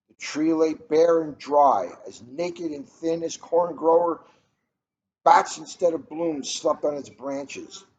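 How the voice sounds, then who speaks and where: A middle-aged police officer with a fairly high, darkish voice reads a storybook aloud and chats casually between passages. The ambient room recording is muffled and noisy.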